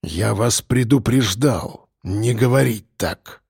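A narrator puts on a stubborn bodyguard in a storybook reading, speaking low and clipped with a restrained edge. The voice is gravelly and husky and sounds close and dry. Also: male voice, moderate pace, darkish tone, no echo. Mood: grim.

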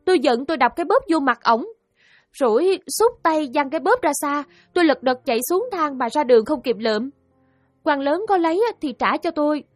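A woman's voice: high-pitched, animated, fairly quick, no echo, soft background music. An actress voicing a young woman accused of murder who answers an official with earnest, deferential pleading in an audiobook drama.

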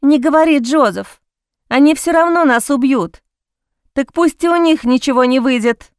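A woman's voice: sits high, unhurried, mellow, no room sound, studio quality. A woman reading an audiobook, voicing a bold young woman held captive, speaking fiercely and urgently. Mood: urgent defiance.

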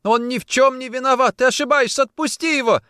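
A man's voice: very animated, fairly quick, fairly bright tone, no echo, studio quality, full character voice. A man voicing a sobbing, desperate young woman. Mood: hysterical pleading. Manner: sobbing, high-pitched, near hysterical. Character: distraught young woman, desperate, pleading lover. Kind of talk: audiobook character voicing.

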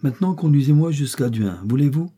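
A man's voice: fairly high pitch, lively intonation, fairly quick, warm tone, breathy edge, voice pushed up. A man reading aloud and voicing an impatient, haughty young Russian princess in a raised, imperious tone. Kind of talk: audiobook character voice.

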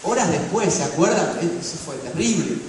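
A man with a Rioplatense Spanish accent preaching a sermon, acting out crowd shouts and dialogue with passion. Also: on the high side, expressive, moderate pace, slight background noise. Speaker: pastor. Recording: echoey hall, voice from far off.

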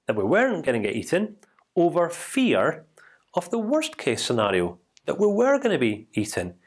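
A man giving a motivational talk built around a personal story, told in an emphatic, animated way. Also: high-pitched, slightly rough. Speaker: speaker.

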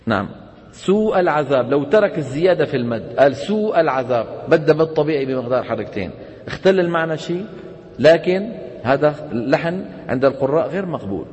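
A man teaching Quran recitation rules, quizzing his students with quick questions and answering them himself. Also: a little high, a little mellow, in a large hall. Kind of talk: classroom lecture on tajweed.

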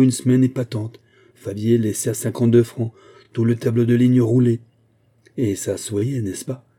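A man reads a classic novel aloud as an audiobook, measured and expressive. His voice is on the low side and husky.

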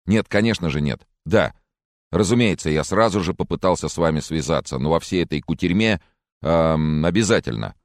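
A man voicing a nervous, excitable young male student who talks in a raised, agitated way, in an audiobook thriller. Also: sits low, normal speed, no room sound, clean studio sound. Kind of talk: audiobook character reading.

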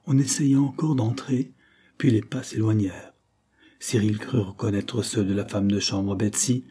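A man narrating a novel aloud in a steady, measured reading. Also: fairly low pitch, breathy edge. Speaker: audiobook narrator.

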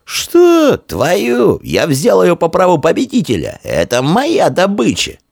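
Man voicing a swaggering young bully: arrogant, mocking, loud in a dry storybook read. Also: high voice, huge pitch swings, takes it slowly, gravelly, husky, dry recording, pitched above the performer's own voice, heavily acted. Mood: jeering. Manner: arrogant, jeering shouts. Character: proud mocking boy bully, a young warrior.

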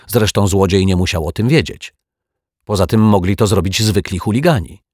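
A man's voice: low-pitched, normal speed, a little mellow, breathy edge, no room sound, clean studio sound. A man reading a children's story, voicing a confused building caretaker who hesitates and stammers as he talks. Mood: flustered.

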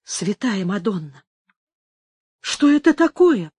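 A woman's voice: mid-range voice, very animated, takes it slowly, darkish tone, breathy edge, no echo, exaggerated voice. A woman voicing a young countess in an audiobook, speaking in a trembling, imploring way. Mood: frightened. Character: anguished young countess in love. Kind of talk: dramatic audiobook reading.

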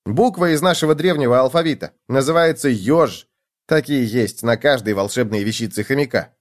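A man's voice: moderate pace, close to an everyday voice. Man voicing a chirpy talkative gopher. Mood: chatty. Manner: bright, chatty, raised pitch. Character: cheerful talkative young male gopher. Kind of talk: storybook reading.

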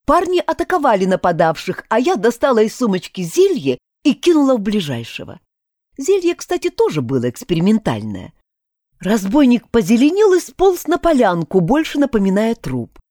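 A woman narrating a first-person fantasy audiobook in an expressive way. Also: fairly high pitch, normal speed, no echo, studio quality. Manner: expressive, animated.

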